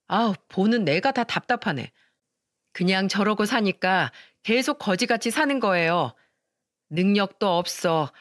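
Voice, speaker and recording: A woman's voice: medium pitch, fairly bright tone, dry recording, studio quality, lightly acted. A woman voicing an arrogant, selfish young sister-in-law who talks with scorn and whining complaint.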